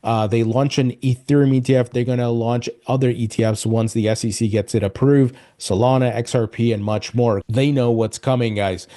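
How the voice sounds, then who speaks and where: A man's voice: mid-range voice, steady tone, moderate pace, few pauses, warm tone. A man hosting a crypto news show, talking casually and upbeat to his viewers and often calling them "guys". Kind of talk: casual commentary to camera.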